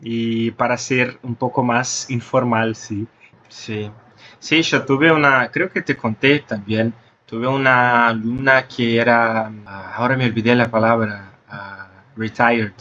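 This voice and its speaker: Slow, hesitant man on a dull line. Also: mid-range voice, steady tone, pushed and bright, slight background noise. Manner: hesitant, many restarts and fillers. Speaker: host. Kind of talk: casual conversation.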